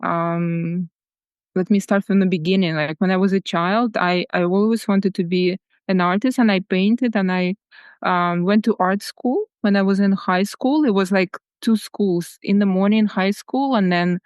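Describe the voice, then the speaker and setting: A woman from Ukraine with a Ukrainian accent, speaking reflectively as a guest in a podcast interview, often repeating words and laughing softly. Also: medium pitch, measured pace, smooth, no echo, studio quality. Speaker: guest artist.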